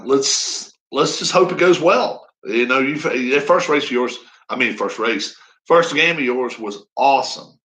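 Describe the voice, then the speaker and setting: A man's voice: medium pitch, sharp tone, rough recording. Rambling folksy man in his fifties. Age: 50s. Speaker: racing league streamer. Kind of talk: casual live-stream chat.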